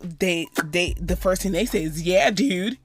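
A woman from Jamaica co-hosting a casual chat with her best friend, playful and halting, often restarting her sentences. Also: lowish voice, fairly even intonation, breathy edge, faint music behind. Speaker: podcast co-host.

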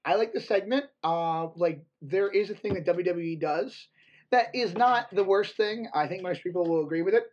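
A high-pitched man with a darkish tone speaks at normal speed as co-host of a wrestling podcast. The chat is casual, and his commentary is opinionated and joking. The recording sounds dull and lo-fi.

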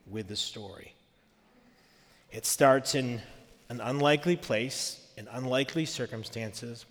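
A man with a gravelly, smoky voice, getting over a cold, preaching conversationally to a congregation in an informal, slightly halting way. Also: medium pitch. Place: large reverberant room, live service. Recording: reverberant hall.

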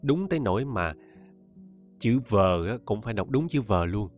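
A man's voice: fairly low pitch, sing-song, moderate pace, faint music behind. A man with a Southern Vietnamese accent, an audiobook narrator talking casually to his listeners, often laughing and addressing them directly. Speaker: audiobook narrator and podcast host.

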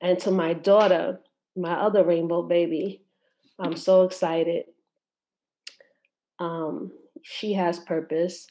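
Slow, soft-spoken mother on a podcast. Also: lowish voice, level tone, muffled recording. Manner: soft-spoken, faith-filled encouragement. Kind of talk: heartfelt podcast message.

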